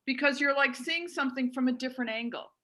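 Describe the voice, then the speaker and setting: A woman, a club member, telling a lively anecdote on a video call and quoting an old teacher. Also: high-pitched, fast.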